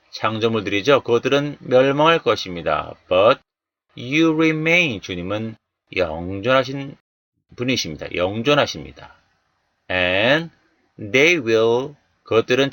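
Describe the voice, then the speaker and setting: Guy doing a super slow english pronunciation lesson, lively up-and-down voice, dry close sound. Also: mid-range voice, dry recording. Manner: repeats each English word slowly, then explains in Korean. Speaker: English Bible teacher.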